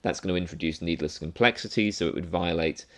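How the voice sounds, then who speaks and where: A man with a very deep, low-pitched voice talks through a philosophy topic as a solo lecture. He thinks aloud, restarting phrases and checking in with a rhetorical question as he goes. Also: fast, a bit bright. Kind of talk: explanatory lecture monologue.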